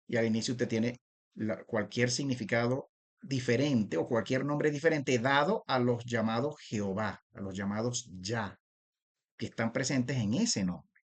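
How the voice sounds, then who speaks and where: Man teaching, drawing out Hebrew names. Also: medium pitch. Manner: repetitive, addresses listener as "usted" and "hermano"; stretches out transliterated names slowly. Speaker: Bible teacher. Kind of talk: video lesson.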